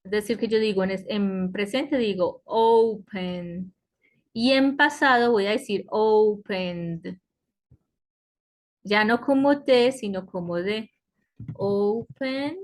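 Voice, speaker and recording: A woman teaching an online English class, explaining slowly and patiently and often checking in with her students. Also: mid-range voice. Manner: slow, patient explaining with frequent checks like "¿cierto?". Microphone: computer mic on a web conference.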